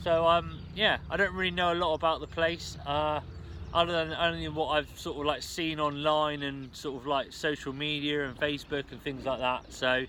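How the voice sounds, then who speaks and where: A man's voice: a little high, steady tone, normal speed, bright, forceful tone. Man vlogging outdoors, background noise. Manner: informal, laid-back, slangy. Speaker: fishing vlogger. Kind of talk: casual vlog to camera. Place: outdoors at a fishing lake.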